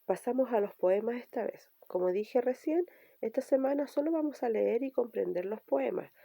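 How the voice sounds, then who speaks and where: Gravelly teacher woman, explaining patiently. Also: on the high side, normal speed, dark tone, dry recording. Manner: patient, explanatory, repeats and restates points. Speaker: primary school teacher. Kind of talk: recorded remote language lesson.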